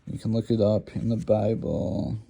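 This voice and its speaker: A man's voice: lowish voice, steady tone, normal speed, gravelly, noisy background. A man giving a rambling, informal lecture while drawing, hesitant with many ums and restarts. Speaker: lecture host.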